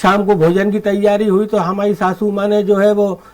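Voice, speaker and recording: A man with a very high voice performs comic verse for a room of listeners at a poetry gathering. He is theatrical and says each punchline twice to let it land. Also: little pitch movement, normal speed, darkish tone, rough recording. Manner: theatrical, repeats punchlines for effect. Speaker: poet reciting at a poetry gathering. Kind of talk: humorous poetry recitation.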